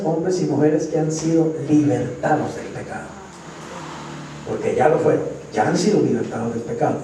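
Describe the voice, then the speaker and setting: A man's voice: on the high side, dark tone, slight background noise. A man preaching a sermon, emphatically asking the congregation questions and answering them himself. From Colombia. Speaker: pastor. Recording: echoey church hall from far off.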